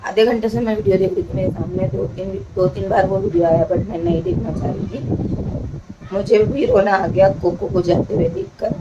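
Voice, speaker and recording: A woman's voice: medium pitch, normal speed, lo-fi sound, background noise. A young woman, chatting emotionally and directly to her viewers in a casual home vlog, filmed on a phone camera indoors. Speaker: vlogger.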